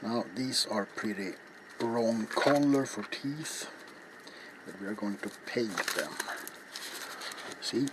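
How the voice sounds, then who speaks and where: With a fairly low voice, a slow pace and long pauses, a middle-aged man rambles through a casual hands-on ASMR craft tutorial, offhand and self-deprecating as he works. He's recording at home in a small, cluttered indoor hobby workshop, and the audio is noisy, with clear background noise.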